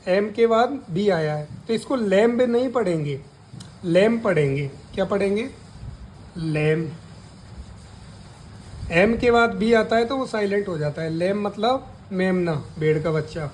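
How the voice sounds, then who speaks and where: A man's voice: high-pitched, a little hiss or hum, low-quality recording. A man teaching a lesson, spelling out letters one by one and asking and answering his own questions. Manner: repeats key words and asks then answers his own questions; deliberate, drawn-out spelling of letters. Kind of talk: slow spoken lesson.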